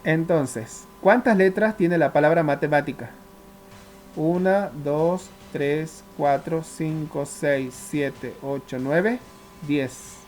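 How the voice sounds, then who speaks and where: A man's voice: a little high, slow pace, darkish tone, slight background noise. A man teaching a math class, working through each step and often asking whether the students follow. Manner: works step by step, often checks understanding with the class; asks questions and answers them himself. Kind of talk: classroom lecture.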